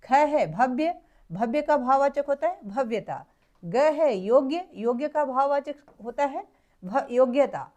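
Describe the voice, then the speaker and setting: A woman's voice: high voice, darkish tone. A woman teacher patiently working through textbook exercises step by step, repeating points for her students. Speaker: Hindi teacher.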